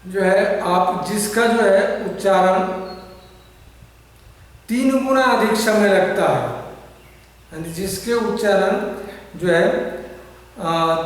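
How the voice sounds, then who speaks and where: Male school teacher, high voice, slow repetitive explaining, recorded by a distant camera in a hall-like classroom. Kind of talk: classroom grammar lesson. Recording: echoey room, far from the mic.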